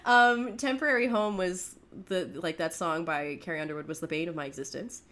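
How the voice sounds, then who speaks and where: With a lowish, a bit bright voice and a slightly fast pace, a young Canadian woman shares her life story as a podcast co-host. She's candid and chatty, often laughing at herself.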